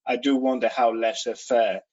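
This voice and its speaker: A man from Greece speaking on a panel, measured and cautious, with frequent hesitant restarts. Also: mid-range voice, little pitch movement, darkish tone, highs cut off. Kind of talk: panel discussion. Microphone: video call.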